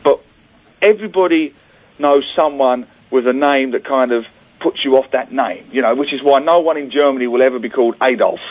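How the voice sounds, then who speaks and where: A man who grew up in Singapore talks as a guest author on a radio show. He tells chatty, self-deprecating stories and slips into quoted voices for comic effect, at a middle pitch. The sound is a little dull, as it is over radio. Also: fairly quick. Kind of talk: radio interview, phone-in guest.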